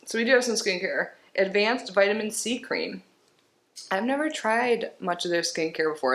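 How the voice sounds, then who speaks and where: In a roomy recording with faint noise behind her, a woman casually chats her way through a beauty box unboxing. Her mid-range, slightly bright voice sounds congested and stuffy as she rambles and laughs softly.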